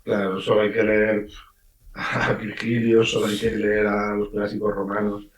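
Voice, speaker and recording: Recorded from a distance with roomy, off-mic radio sound, this Valencian writer speaks in a fairly low voice, a little slowly. He is an animated storyteller in a relaxed radio interview, performing the voices of the people he quotes.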